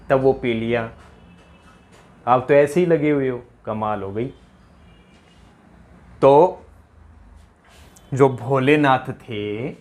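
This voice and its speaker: A male teacher giving a pronunciation lesson, drilling students with repeated questions. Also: medium pitch. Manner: drills with repeated questions, mimics rural dialect speakers for laughs.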